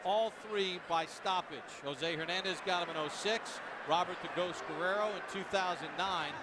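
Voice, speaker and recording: A man's voice: high voice, moderate pace. A man giving live boxing commentary in an emphatic, polished broadcast delivery. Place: ringside at a boxing arena. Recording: noisy arena ambience.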